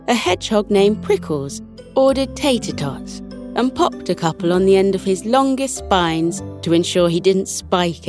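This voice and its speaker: A woman with a slightly low voice tells a children's sleep story over music. She reads as a podcast narrator, soothing and unhurried, as if easing young listeners toward bed.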